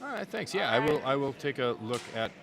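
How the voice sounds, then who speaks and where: A man's voice: mid-range voice, animated, a little fast, vocal fry. A man giving casual live sports commentary, informally thinking aloud as he keeps track of the score. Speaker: livestream commentator. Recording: busy crowd noise, urban sports venue. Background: crowd at a tournament.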